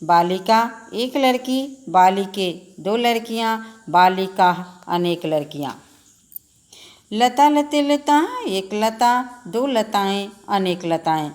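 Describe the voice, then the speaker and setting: A woman's voice: mid-range voice, slow, a little mellow. A woman teacher giving a lesson to children, reciting word forms in a sing-song drill and speaking to them patiently. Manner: addresses children directly, patient and instructive.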